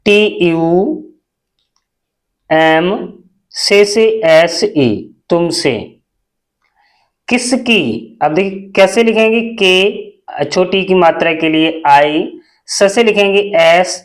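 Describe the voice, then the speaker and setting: A male teacher giving a spelling lesson, slowly spelling words out letter by letter. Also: high-pitched.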